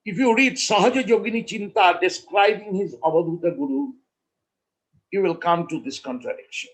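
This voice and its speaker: A man as a spiritual teacher, telling a story in a slow, measured way with emphatic pauses. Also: high-pitched, poor audio.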